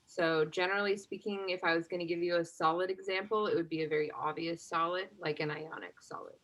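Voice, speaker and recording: Low-voiced woman teaching chemistry. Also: fairly quick, low-quality recording. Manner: checks understanding constantly with "right?"; relaxed conversational teaching, asks class questions. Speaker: chemistry instructor. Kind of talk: exam review lesson.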